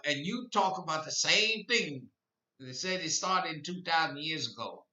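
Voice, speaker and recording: An old man in his eighties talks through a rambling podcast monologue that turns impassioned. His voice is somewhat high and very bright and cutting. He sounds far from the mic in an echoey space, on a dull lo-fi recording. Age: 80s. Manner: rambling, repeats himself, grows impassioned. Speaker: podcast host. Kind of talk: rambling live-stream monologue.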